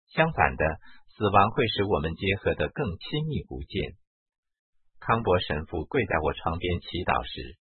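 A man narrating a spiritual autobiography in a slow, reverent, measured reading style. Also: low voice, breathy edge, no echo. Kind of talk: solemn devotional reading. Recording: dry, phone-like narrow band.

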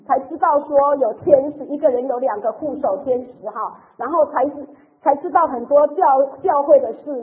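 Here a church member recounts her faith story in a high voice, sounding moved and talkative and softening her sentence endings with particles. The audio is tinny and thin, like a radio broadcast of a phone line.

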